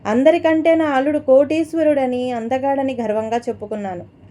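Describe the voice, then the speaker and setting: A woman's voice: high-pitched, measured pace. A woman voicing an angry, proud middle-aged mother who scolds her daughter in a spoken story. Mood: angry scolding. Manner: scolding, shouting.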